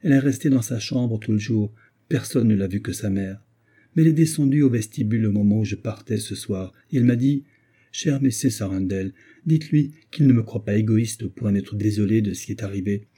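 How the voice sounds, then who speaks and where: A man voicing an older, fussy, motherly gentlewoman who talks in an effusive, doting way. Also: on the low side, a little fast, breathy edge.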